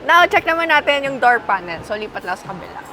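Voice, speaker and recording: A young woman from the Philippines hosts a casual car walkaround, her voice sitting a little high. She chats her way through the cabin of a passenger van, pointing out one feature after another. A faint hum of background noise runs under her voice. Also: big pitch swings, a little fast. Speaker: car review presenter.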